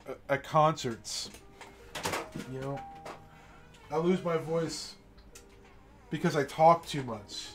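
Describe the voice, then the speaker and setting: Soft, faint classical music plays behind a late-night stream where a man delivers an impassioned, emphatic monologue. His pitch is somewhat raised, and he keeps breaking off to ask a pointed "okay?".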